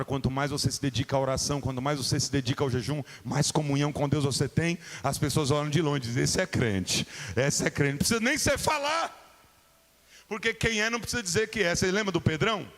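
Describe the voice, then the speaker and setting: A man in his forties preaches a sermon in a church, his voice sitting a little high for a man. He acts out the people in his stories with lively swings of pitch, and a long reverb rings through the hall behind him. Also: quick pace. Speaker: guest pastor. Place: church sanctuary.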